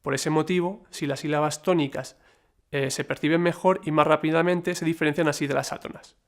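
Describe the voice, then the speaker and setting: A man reading a scripted lesson in a measured, explanatory way, with the odd slip and filler. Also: a little high, fairly even intonation. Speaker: lecturer. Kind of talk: scripted educational narration.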